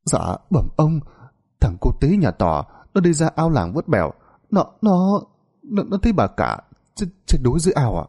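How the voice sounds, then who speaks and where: A man's voice: on the high side, wildly swooping pitch, darkish tone, breathy edge, voice pushed up, heavily acted. A man doing a stammering, panicked servant boy. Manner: stammering, breathless rushing.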